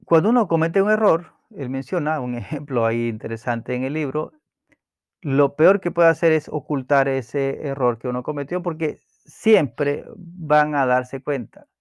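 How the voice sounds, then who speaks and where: A man calmly explaining a self-help book chapter, pausing with fillers and restarting words as he goes. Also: on the high side, clear, resonant tone, dry recording, clean studio sound. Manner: calm, explanatory, with hesitations and repeated words.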